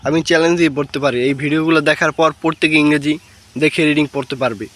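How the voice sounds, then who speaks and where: A man with a slightly raised voice runs a patient phonics lesson. He spells each word out letter by letter and then pronounces it slowly. He repeats the rule between the examples, in a plain teaching tone. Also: fairly high pitch, steady tone, a bit bright. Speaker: English reading teacher.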